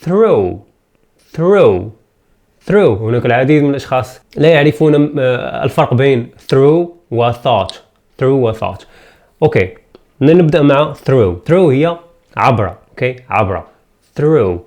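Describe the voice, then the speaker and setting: A man with an Algerian accent teaching English pronunciation, saying each word again and again slowly and switching between Arabic and English. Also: mid-range voice, expressive, darkish tone. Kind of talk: pronunciation lesson.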